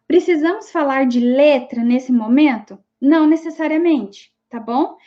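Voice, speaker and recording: A high-pitched woman teaches an online class. She explains step by step and keeps checking that her listeners follow. The audio is a little dull and lo-fi. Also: darkish tone. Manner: explanatory, frequent checking tags like "tá bom?".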